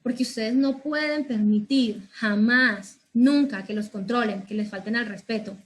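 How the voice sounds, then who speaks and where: A young Colombian woman speaking to students, earnest, slow and emphatic, often repeating phrases for weight. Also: a little high. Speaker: guest speaker to school students. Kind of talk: personal testimony talk.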